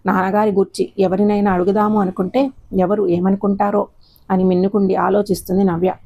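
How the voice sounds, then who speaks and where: A woman narrating a moral story in an earnest, measured way. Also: medium pitch, flat delivery, dark tone, muffled recording.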